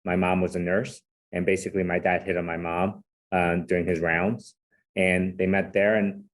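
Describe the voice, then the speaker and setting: Deep-voiced man in relaxed interview. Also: normal speed. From Hong Kong, raised in San Francisco. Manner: relaxed, self-deprecating, frequent "right?" tags. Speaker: guest, corporate chief legal officer. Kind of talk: casual interview conversation.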